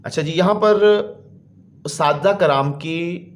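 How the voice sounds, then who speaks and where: A man teaches a children's English exercise. He reads each English sentence slowly before translating it, and his voice rings in an echoey room. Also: on the high side. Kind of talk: explaining a school English exercise.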